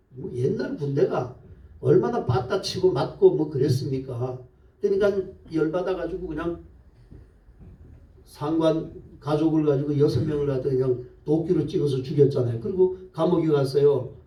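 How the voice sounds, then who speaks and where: A male pastor preaching a sermon in a church, telling stories lively and asking the congregation questions. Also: fairly high pitch, moderate pace, long pauses. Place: church sanctuary. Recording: echoey church, voice from far off the mic.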